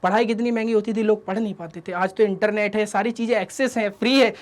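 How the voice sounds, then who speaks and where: Guy teacher doing a study motivation talk, talks fast, scolds kids kinda fatherly, tosses in english phrases. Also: high voice, fairly even intonation. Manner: scolding and fatherly, addresses listeners as "beta", asks rhetorical questions; mixes English catchphrases into the lesson.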